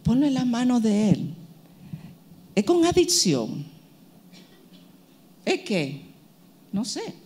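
A woman's voice: on the high side, wildly swooping pitch, slow, pauses often, mellow, husky. Woman preacher, emphatic and repetitive, acts out the voices she quotes. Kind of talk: sermon.

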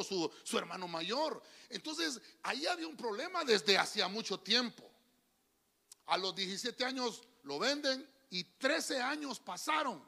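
A male pastor, preaching an animated, folksy sermon to a congregation and often calling listeners "brother". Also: very high voice, gravelly, long reverb tail. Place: church before a congregation.

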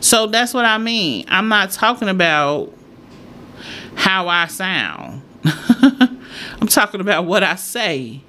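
A woman's voice: mid-range voice, very animated, takes it slowly, pauses often, bright, forceful tone. A woman chatting casually to followers as a host, thinking aloud and repeating her points for emphasis. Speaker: solo host. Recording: clear background noise, room ambience.

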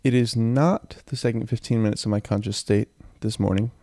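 A young man hosts a casual solo podcast while sick with a cold. His low voice is phlegmy and gravelly, and he rambles along in a low-key way. The handheld mic is close and the sound is very dry. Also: fairly even intonation, a little fast, mellow, no room sound. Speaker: podcast host. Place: in bed, indoors. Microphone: handheld mic and audio recorder, close.

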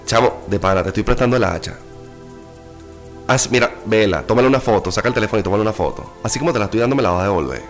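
A preacher doing a fussy pal lending an axe. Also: male voice, animated, racing, soft background music. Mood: fussy, chummy. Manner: lower, quieter, chummy slangy warnings. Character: casual male friend lending his axe, fussy about its return.

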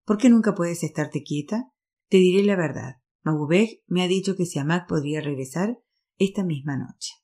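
A woman's voice: fairly low pitch, moderate pace, warm tone. A woman reading a novel aloud, voicing an insistent, bossy sister who turns firm and soothing by turns. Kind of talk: audiobook reading.

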